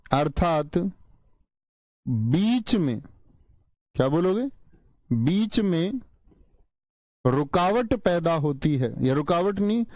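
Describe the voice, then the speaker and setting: A male teacher giving an online class lecture, speaking slowly, repeating key terms and quizzing his students. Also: a little high, darkish tone, dry recording. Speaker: Hindi teacher.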